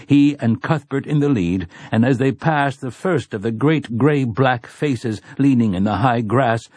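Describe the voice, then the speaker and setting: A husky-voiced man reads a dark fantasy audiobook with measured, intense pacing. His mid-range voice sits close to the mic, completely dry with no room sound. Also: mid-range voice, no echo. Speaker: audiobook narrator. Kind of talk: scripted dramatic narration.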